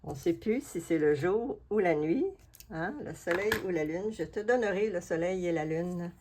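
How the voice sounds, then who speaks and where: Low-voiced Québécoise woman musing while crafting. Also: noisy background. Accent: Québécois French. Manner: musing aloud to herself and viewers, chatty and unhurried. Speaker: collage artist. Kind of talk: casual craft vlog, talking while working.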